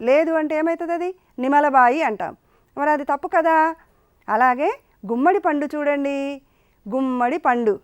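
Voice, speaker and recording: A woman's voice: high-pitched, no echo. A woman teaching a school lesson to children. She asks the pupils questions, coaxing them patiently through each point. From India.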